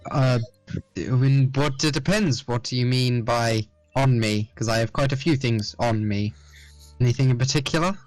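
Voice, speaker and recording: A man's voice: medium pitch, no room sound, soft background music, poor audio. Chatty man playing a tabletop character. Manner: chatty, listing items with pauses. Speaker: player. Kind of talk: in-character tabletop play over voice chat.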